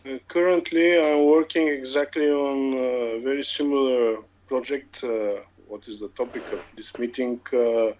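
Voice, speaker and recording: A man in his forties from Bulgaria with a Bulgarian accent, an automation engineering lead speaking in a casual online meeting, hesitant with many filler pauses. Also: medium pitch, fairly even intonation, a little mellow, dull audio, a little hiss or hum. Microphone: computer mic on a video call.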